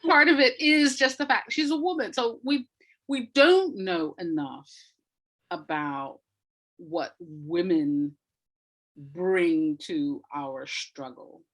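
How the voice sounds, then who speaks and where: Taking it slowly with lively intonation, this woman speaks on the low side in a fairly bright tone. As an interview guest who makes audio dramas, she explains emphatically and animatedly, repeating phrases for effect.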